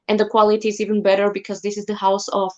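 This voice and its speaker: A woman's voice: mid-range voice, monotone, rapid-fire, a little mellow, highs cut off. A young woman from Ecuador, a classical singer, telling her story as a guest on a live online show. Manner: earnest, enthusiastic storytelling. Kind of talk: live stream interview.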